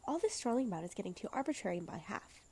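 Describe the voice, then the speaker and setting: A woman quietly reading the part of a dry, weary male courtier from a play script. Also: medium pitch, very animated, quick pace, husky.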